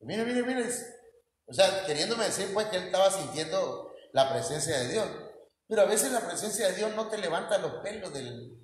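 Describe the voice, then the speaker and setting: A man's voice: sits high, lively intonation, a little fast. A man with a Mexican Spanish accent preaching a sermon in a folksy, joking way and putting questions to the congregation. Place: church hall. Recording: echoey church hall with long reverb.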